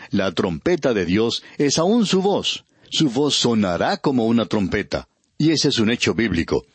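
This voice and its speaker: Male radio Bible teacher, mid-pitched, husky, earnest and measured, dry close studio sound. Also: no room sound. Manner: measured, earnest, addresses the listener directly.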